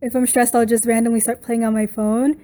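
Woman chatting casually in an interview, mellow and kinda high. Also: flat delivery, brisk. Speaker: social media manager.

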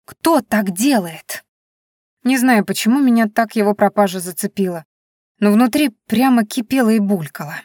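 A woman narrating a first-person story as an audiobook, lively and ironic. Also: mid-range voice, normal speed, no echo, studio quality.

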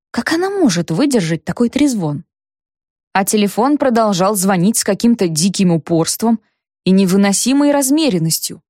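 A woman narrating a detective novel in the first person, with measured, even storytelling. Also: mid-range voice, dry recording, clean studio sound. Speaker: audiobook narrator.

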